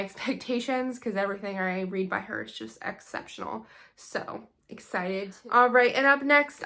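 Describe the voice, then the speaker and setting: A woman's voice: mid-range voice, sharp tone. A young adult woman chatting casually and enthusiastically about new books for her homeschool shelf, with frequent ums. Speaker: homeschool book vlogger. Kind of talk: casual book haul chat.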